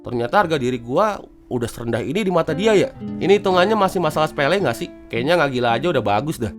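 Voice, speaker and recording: A man's voice: a little high, expressive, quick pace, music in the background, close to an everyday voice. A man playing a henpecked young husband in a cartoon who narrates his troubles. He talks in a rambling, self-pitying way. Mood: worried.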